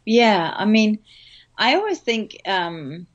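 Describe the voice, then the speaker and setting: A woman with a slight Danish accent talks reflectively as an interview guest, with fillers along the way. Her voice sits at an ordinary pitch and comes through dull, lo-fi audio. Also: big pitch swings, slow pace. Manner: warm, reflective, with light laughs and fillers. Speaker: guest, hypnotherapist and meditation teacher. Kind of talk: casual interview conversation.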